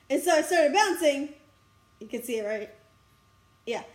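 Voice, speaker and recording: A young woman in a casual vlog, rambling excitedly and breathlessly about her school day, recorded outdoors on a school campus. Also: high voice, slow pace. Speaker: vlogger.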